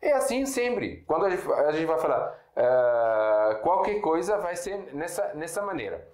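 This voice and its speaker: A man from Syria, a native Arabic speaker, giving a casual video lesson at a board, explaining slowly with repeated examples and frequent check-ins. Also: a little high, big pitch swings, a little mellow. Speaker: Arabic teacher. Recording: echoey room.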